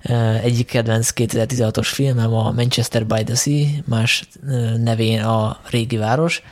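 A man hosting a film podcast, speaking in a measured way with frequent filler sounds. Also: mid-range voice, level tone. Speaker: podcast host. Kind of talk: casual film discussion.

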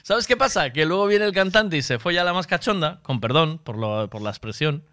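A man's voice: on the high side, expressive, a little fast, a bit bright. A man co-hosting a casual radio chat, blunt and crude, pressing his points with repeated questions. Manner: blunt, crude, emphatic, keeps adding "¿sabes?".

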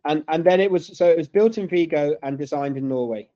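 A man's voice: on the high side, a little fast, dark tone. A man interviewing casually, rambling and repeating himself as he forms questions. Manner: rambling, stumbling repetitions. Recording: dull, narrow lo-fi audio.

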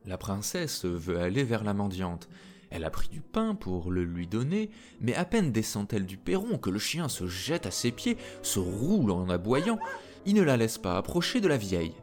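A man reading a fairy tale aloud in an expressive, dramatic way. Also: lowish voice, moderate pace. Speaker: narrator. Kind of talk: storybook reading. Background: faint music.

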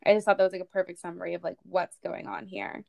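A woman's voice: on the low side, level tone, fast talker, vocal fry, a little mellow, dry recording. A woman co-hosting a casual history podcast, talking in a chatty way with many fillers. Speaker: podcast co-host.

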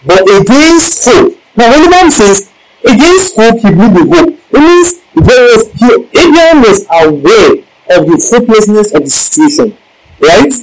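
Emphatic male preacher, lively pitch. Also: moderate pace, rough recording. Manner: emphatic, repeats lines, asks the congregation questions. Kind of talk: sermon with Bible teaching.

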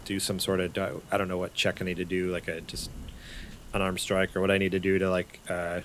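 A man's voice: sits low, completely flat delivery, brisk, slight background noise. A man playing a tabletop game, casual and hesitant, with many ums and uhs. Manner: casual, hesitant, full of fillers. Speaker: player.

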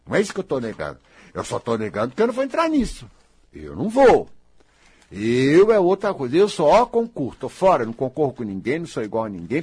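A man's voice: on the high side, a little mellow, husky. A man with a Brazilian Portuguese accent giving an emphatic motivational talk, speaking straight to his listeners and repeating key phrases. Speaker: spiritual self-help speaker.

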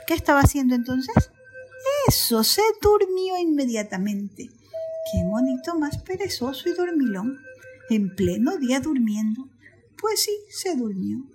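Female children's storyteller, high voice, expressive, addresses the audience. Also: a little slow, over music. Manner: expressive, addresses listeners directly.

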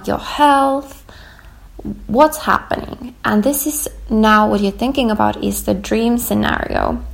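A young woman with a mid-range voice hosts a podcast episode, gently leading listeners through a reflection exercise. She's hoarse and losing her voice, and her speech is full of "likes" and "ums."

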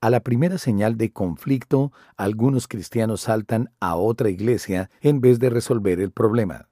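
A man hosting a devotional, speaking in a calm, earnest preaching tone in scripted narration. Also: on the low side, normal speed, no echo, studio quality. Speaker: devotional host. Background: soft guitar music.

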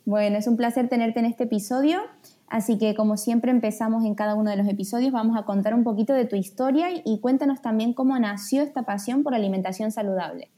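A woman's voice: on the high side, quick pace, mellow. A woman hosting a podcast, opening with a welcoming, friendly scripted introduction and then asking her guest questions. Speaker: podcast host.

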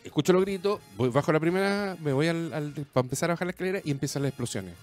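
A Chilean man with a slightly high voice tells a story to a friend in loose, rambling casual chat, thick with slang. Faint music plays underneath. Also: animated, very fast.

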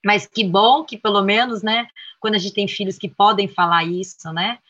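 Bright, earnest woman on a dull line. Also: mid-range voice, steady tone, normal speed, no echo. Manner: earnest, heartfelt, frequent tag questions. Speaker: guest therapist. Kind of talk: reflective conversation. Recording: dull, dry sound.

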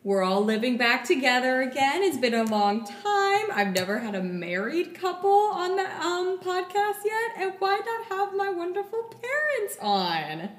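A young woman hosts a casual podcast chat. Her voice sits fairly high and moves animatedly up and down, with noticeable room echo around it. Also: big pitch swings, a little slow, few pauses. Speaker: podcast host. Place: kitchen table at home. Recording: echoey room.

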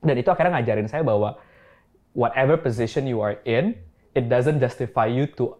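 Male founder, 30s, casual interview storyteller, code-switches, mid pitch. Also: normal speed, a little mellow. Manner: mixes English into Indonesian, acts out quoted people. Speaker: startup founder guest.

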